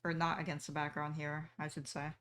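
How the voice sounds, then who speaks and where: A woman's voice: low voice, monotone, a little fast, fairly bright tone. A young woman streamer chatting casually with her viewers while she draws, with frequent ums and small laughs. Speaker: streamer and artist.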